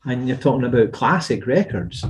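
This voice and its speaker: A man's voice: medium pitch, expressive, moderate pace. A Scottish man co-hosting a music podcast, talking casually and rambling into asides. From Scotland. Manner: chatty, rambling, trails into asides. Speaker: podcast co-host. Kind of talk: casual chat.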